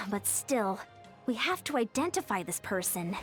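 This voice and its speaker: A woman voicing an earnest, formal young woman war leader in a game, polite and measured. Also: a little high, sing-song, faint music behind. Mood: concerned. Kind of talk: game voice acting.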